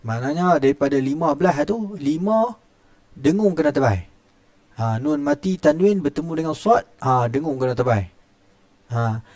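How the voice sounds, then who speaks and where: Clean studio sound with no echo captures a middle-aged Malaysian Malay-accented man giving a classroom tajwid lesson. Expressive and slightly high with a darkish tone, he talks at normal speed in a chatty way, frequently beginning lines with "ha" and demonstrating sounds as he explains Quran recitation rules.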